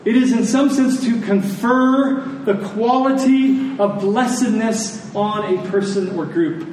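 Speaking slowly in a high-pitched, somewhat mellow voice, this male preacher delivers an earnest, emphatic sermon that ends in prayer, repeating phrases to give them weight. It was captured at a church service in a big, reverberant room, sounding distant with a little background noise.

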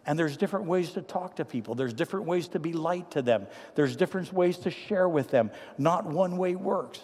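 A man's voice: on the high side, animated, a little fast. Emphatic older male preacher in a reverberant hall. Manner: emphatic storytelling preacher, swinging from loud to hushed. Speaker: pastor. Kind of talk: sermon. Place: church sanctuary.

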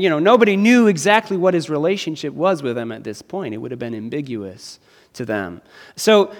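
A man's voice: on the high side, big-room sound. A man preaching an expository sermon, explaining a text with rising, emphatic peaks.

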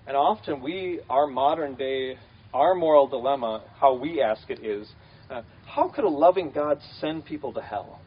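A man's voice: medium pitch, moderate pace, breathy edge, highs cut off. A man preaching a conversational sermon, casual and full of fillers, repeating key phrases.

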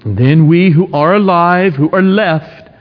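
A man preaching an expository sermon in an emphatic, dramatic manner, with rhetorical questions and swings between hushed and forceful delivery. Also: sits high, unhurried. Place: large reverberant room. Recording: dull, echoey large hall.

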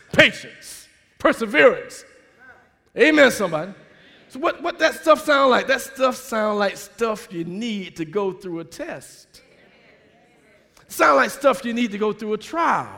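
High, gravelly preacher man in a reverberant hall. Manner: call-and-response preaching, swings from quiet asides to shouting. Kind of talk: sermon.

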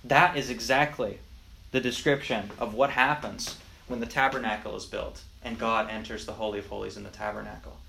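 A man's voice: on the low side, steady tone, brisk, creaky, bright, forceful tone, a little hiss or hum. A man teaching a Sunday school lesson, explaining the Bible and reading scripture aloud with rising emphasis.

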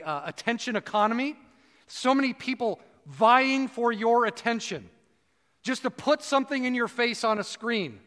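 A man preaching a conversational sermon, dropping low and slow for emphasis. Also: fairly bright tone, in a large hall. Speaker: pastor.

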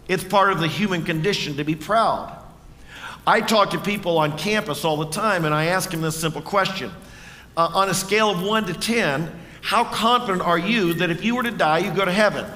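Bright-voiced man preaching in a church. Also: high voice, big-room sound. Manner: earnest, conversational, asks the congregation questions. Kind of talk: sermon. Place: church sanctuary.

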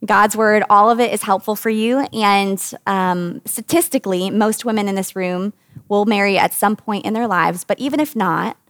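A woman in her thirties from the United States teaches a women's group in an earnest, conversational way. Her voice is mid-pitched and her delivery is lively. The recording is dry and close, with almost no room sound. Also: moderate pace, no room sound. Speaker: women's Bible study teacher.

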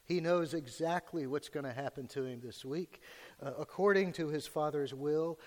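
Male American preacher, slightly high voice, measured and earnest Bible exposition at a pulpit microphone, long hall reverb. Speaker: pastor preaching to a congregation. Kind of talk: expository sermon. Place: large church hall.

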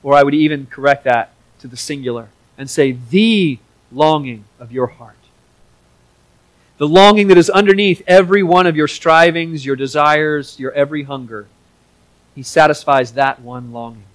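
A man's voice: a little high, normal speed, no echo, rough recording. A man preaching a sermon in an earnest, conversational way, with small restarts as he explains. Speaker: pastor.

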